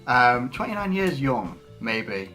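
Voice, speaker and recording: A man's voice: mid-range voice, sing-song, takes it slowly, pushed and bright, faint music behind. A man in his twenties from England, a YouTuber answering viewer questions in an unscripted casual Q&A, rambling with frequent restarts and fillers. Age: 20s.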